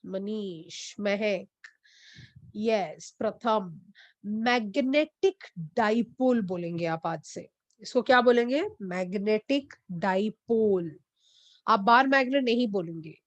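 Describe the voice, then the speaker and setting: A woman teaching a physics lesson online, talking very slowly and deliberately in a fairly high voice. She quizzes her students by name and switches freely between English and Hindi. Her voice is close and dry, with no room sound. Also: dry recording. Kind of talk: online class lecture. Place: online classroom.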